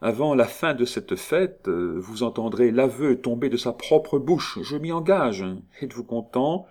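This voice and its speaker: A man reading a novel aloud, voicing a bold, teasing countess in a raised, mocking voice. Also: unhurried. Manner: lively, mocking, raises pitch sharply.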